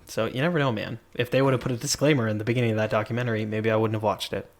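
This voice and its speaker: A man's voice: fairly low pitch, fairly even intonation, rapid-fire. A man chatting casually as a podcast co-host with dry, joking understatement, his voice echoing in an empty room. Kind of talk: casual chat. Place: empty room with bare walls and a desk. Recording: echoey bare room.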